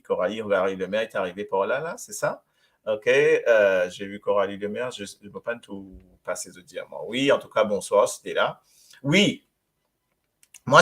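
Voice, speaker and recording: A man with a Mauritian accent hosting a casual radio talk show, talking in a halting way and often repeating words. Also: fairly low pitch, a bit bright. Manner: halting, repeats words, mixes Creole and French. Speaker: radio host.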